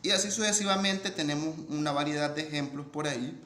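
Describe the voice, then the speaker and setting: Explaining phonetics in a language lesson, a man patiently repeats himself and checks in with "¿verdad?" His voice is fairly high, pushed and bright, a little fast. The recording carries room echo and faint noise.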